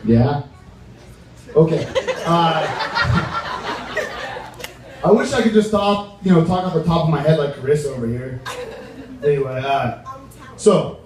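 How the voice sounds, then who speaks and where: A young American man giving an informal wedding toast as best man, halting and joking, with slangy wording. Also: on the high side. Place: large reverberant room with a reacting crowd. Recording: echoey room, distant mic, audience noise.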